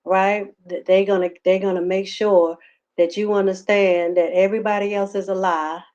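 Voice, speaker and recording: A woman's voice: mid-range voice, flat delivery, moderate pace, darkish tone. A woman counselor giving earnest advice, talking with many fillers and restarts. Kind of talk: advice talk to camera. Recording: slightly dull lo-fi sound.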